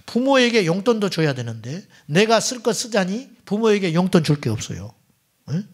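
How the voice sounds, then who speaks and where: A man's voice: sits high, very animated, moderate pace, slightly rough. A middle-aged male pastor giving a Friday night sermon, firing rhetorical questions at the congregation and dropping at times to near whispers. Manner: swings between loud exclamations and near-whispered asides. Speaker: senior pastor.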